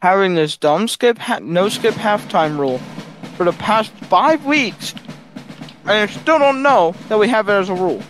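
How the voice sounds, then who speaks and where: A man's voice: high-pitched, animated, normal speed, a bit bright, soft background music. Matter-of-fact young man in game chat. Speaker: gamer in voice chat. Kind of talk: casual gaming chat.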